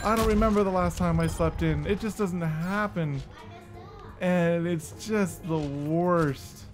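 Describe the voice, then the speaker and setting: High-voiced man on a weary back-in-my-day rant. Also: slow pace, soft background music. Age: 30s. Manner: emphatic repetition for stress. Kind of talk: casual off-the-cuff rant.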